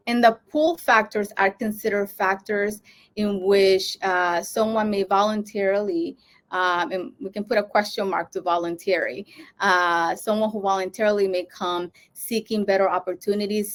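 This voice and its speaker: A woman's voice: medium pitch, fairly even intonation, moderate pace. Woman from honduras, social worker giving a talk, lots of ums and restarts, earnest. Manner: earnest, thinking aloud with frequent fillers and restarts.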